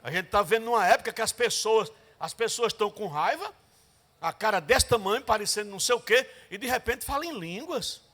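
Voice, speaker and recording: Middle-aged preacher, high bright voice, dramatic storyteller. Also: male voice, fairly quick. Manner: animated storytelling, acting out voices. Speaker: pastor. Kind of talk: sermon. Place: church service.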